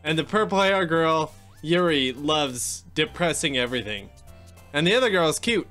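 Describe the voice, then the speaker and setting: A man's voice: fairly high pitch, animated, moderate pace, a bit bright, soft background music. A man bantering casually as he co-hosts a visual novel playthrough, with a teasing manner. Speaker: let's player, co-host.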